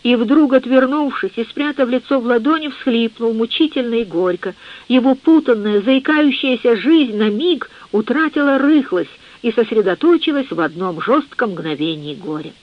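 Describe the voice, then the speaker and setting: A narrator reading a literary novel in a measured audiobook style, on a dull lo-fi recording. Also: medium pitch, animated.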